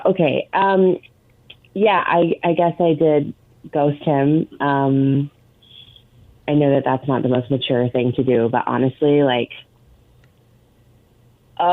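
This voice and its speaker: A woman's voice: low voice, no room sound. A woman called on air by a radio show, explaining herself hesitantly with many fillers, heard over a tinny phone line.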